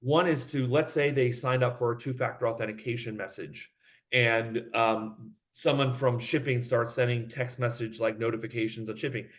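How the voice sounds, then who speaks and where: A man being interviewed as a company head, talking in an animated, fast way and acting out the voices of people in his stories. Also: medium pitch. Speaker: guest, company CEO.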